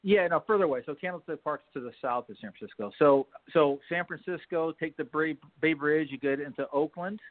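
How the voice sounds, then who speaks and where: A man's voice: a little high, brisk, hardly any pauses. A man who owns a soccer club, a guest explaining things in casual chat and often restarting his sentences. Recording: tinny phone line.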